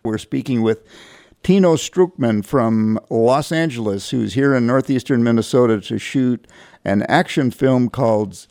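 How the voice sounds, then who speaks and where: A man hosting a local radio news interview, chatty and friendly, with lots of halting fillers. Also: medium pitch, creaky, mellow, no room sound, clean studio sound.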